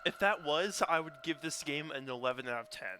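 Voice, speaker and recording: A man's voice: fairly high pitch, a little fast, pushed and bright, slight background noise. A young man co-hosting a game stream, joking around and stumbling over his words with many fillers. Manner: stammering, lots of fillers, jokey. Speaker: streamer co-host. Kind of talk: casual let's-play chat.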